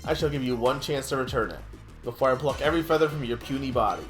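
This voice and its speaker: A man's voice: medium pitch, fast, a bit bright, soft background music, lightly acted. A man voicing a pompous, gloating mad scientist villain from a video game, with theatrical threats in a panto villain manner. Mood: pompous, menacing. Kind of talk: acting out video game dialogue.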